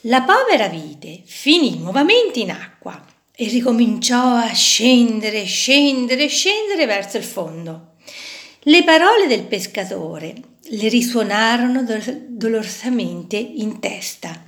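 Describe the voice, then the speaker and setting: A woman reading a children's story aloud in an expressive, animated way, pointing out a drawing to listeners. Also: on the high side, slow pace.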